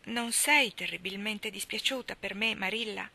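A woman's voice: medium pitch, normal speed, vocal fry, sharp tone. A woman voicing a talkative, imaginative orphan girl who speaks effusively and theatrically. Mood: eager.

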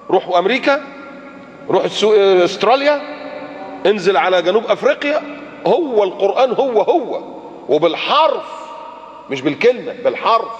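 A man with an Egyptian accent giving a colloquial religious lecture, sounding out letters and acting out his examples. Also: high voice. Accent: Egyptian Arabic. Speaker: preacher. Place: lecture hall or mosque in Qatar. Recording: echoey hall, dull lo-fi recording.

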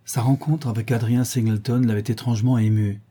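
A man in scripted audiobook narration, reading a classic novel in a measured way. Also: medium pitch, steady tone, mellow, slightly rough.

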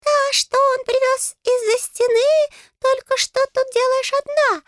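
A woman voicing a tiny male fairy in an audiobook, squeaky, pompous and greedy, with a bossy, indignant manner. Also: steady tone, a little slow, fairly bright tone, no room sound, studio quality. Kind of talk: audiobook character voice.

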